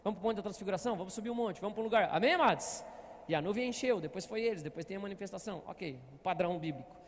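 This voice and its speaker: A man's voice: high voice, racing, big-room sound, a little hiss or hum. A man preaching as pastor, telling stories and often asking the congregation to answer back. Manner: storytelling, often asking the congregation "Amém, amados?". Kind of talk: sermon. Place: church hall.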